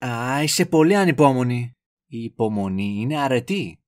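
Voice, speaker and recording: A man's voice: medium pitch, expressive, a little mellow, natural voice. An actor playing a clueless, fussy young man who dithers and rambles. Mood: dithering. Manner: dithering and goofy.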